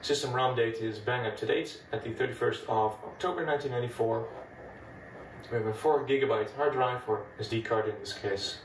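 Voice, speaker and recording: A Dutch man, a native speaker, casually narrates a step-by-step demo of an old computer in a room packed with vintage machines. His mid-range voice moves fairly quickly, relaxed and chatty, like a retro computing video host. The room echoes, the mic sits at a distance, and there's slight background noise.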